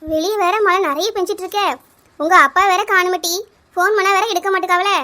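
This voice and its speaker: A woman's voice: very high voice, fairly even intonation, bright, forceful tone. A woman voicing a strict, scolding mother in a cartoon, speaking with a Kanyakumari Tamil accent. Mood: worried. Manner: scolding, rapid. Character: scolding village mother Chinnaponnu, anxious and strict. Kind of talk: cartoon voice acting.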